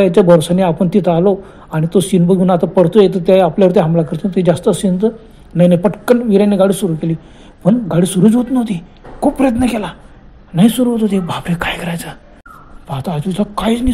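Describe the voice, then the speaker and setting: Animated man telling a horror story. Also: high voice. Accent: Marathi. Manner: animated, exclaiming and acting out dialogue. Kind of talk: dramatic horror story narration.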